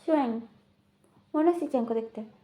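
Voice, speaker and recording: Woman storyteller, high but mellow voice, loose rambling recap with lots of fillers. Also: moderate pace. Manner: rambling, heavy filler words. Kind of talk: casual spoken plot retelling.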